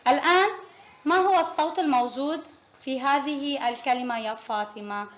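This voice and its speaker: A woman's voice: high-pitched, normal speed, fairly bright tone. A woman kindergarten teacher in a classroom, patiently quizzing pupils one by one and praising each answer. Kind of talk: classroom phonics lesson. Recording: muffled lo-fi with faint noise.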